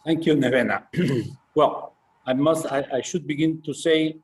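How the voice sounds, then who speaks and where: An older man, a retired professor, beginning his remarks haltingly, searching for words. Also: fairly high pitch, slight background noise. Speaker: professor emeritus. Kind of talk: informal opening remarks.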